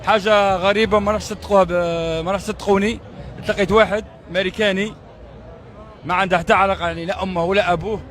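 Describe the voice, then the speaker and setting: A man's voice: high-pitched, steady tone, rapid-fire, fairly bright tone. A man with an Algerian accent, a native Arabic speaker with broken English, doing a casual street interview. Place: busy city square outdoors. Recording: street crowd and traffic behind.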